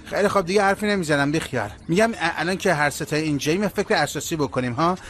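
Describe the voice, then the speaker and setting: A man plays a cheeky working-class older brother who teases and bosses people around. His voice sits a little high and he keeps a playful edge. A faint background hum runs under him. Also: a bit bright, close to an everyday voice. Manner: teasing, playful banter. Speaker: dubbing actor. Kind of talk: Persian drama dubbing.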